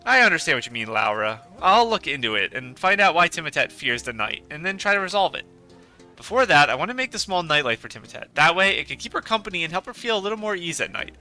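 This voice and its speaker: A man's voice: on the high side, big pitch swings, fast talker, sharp tone, faint music behind, pitched above the performer's own voice, exaggerated voice. Man reading as a kind young heroine. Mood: earnest. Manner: earnest, caring.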